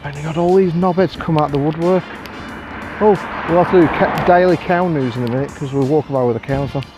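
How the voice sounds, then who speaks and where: A man's voice: fairly high pitch, brisk, over music. Sweary English man ranting on a walk. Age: 30s. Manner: sweary, blunt, ranting with sarcastic put-on voices. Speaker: vlogger. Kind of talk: casual rambling vlog. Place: outdoors walking past fields.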